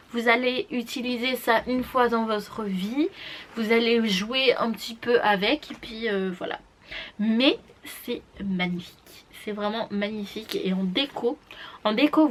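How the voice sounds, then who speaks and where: A woman presenting a makeup palette to the camera in casual, gushing talk, full of restarts and fillers. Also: a little high. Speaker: beauty vlogger. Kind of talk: casual makeup product review.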